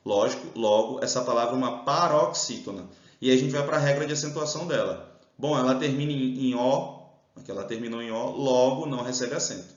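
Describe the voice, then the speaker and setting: A man's voice: mid-range voice, brisk. A Brazilian male teacher works through an exam-prep grammar lesson, explaining each step and drawing out the stressed syllables. His voice sounds roomy and slightly dull. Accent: Brazilian Portuguese.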